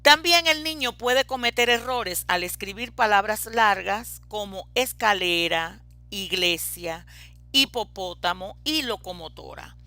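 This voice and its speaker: A woman's voice: medium pitch, lively intonation, unhurried, bright, forceful tone, no echo. A woman teaching a lecture on reading and writing, explaining step by step with frequent hesitant fillers.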